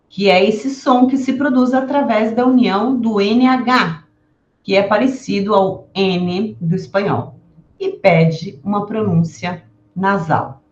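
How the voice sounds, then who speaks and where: Woman language teacher, unhurried pronunciation drills, echoey room, dull lo-fi sound. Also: mid-range voice, a little mellow. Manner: slow, careful pronunciation drills, repeating words to demonstrate sounds. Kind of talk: recorded online language lesson.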